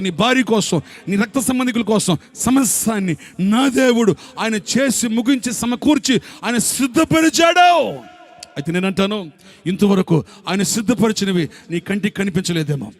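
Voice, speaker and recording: High-voiced man preaching a fiery sermon. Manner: calls for loud amens and hallelujahs, rising to shouts; repetitive call-and-response questions. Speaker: pastor. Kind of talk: Pentecostal-style revival sermon.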